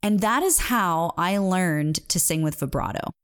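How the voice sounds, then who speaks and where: A woman's voice: on the low side, expressive, unhurried, clean tone. A woman in her thirties, a singing coach, giving an earnest, emphatic motivational talk with personal stories.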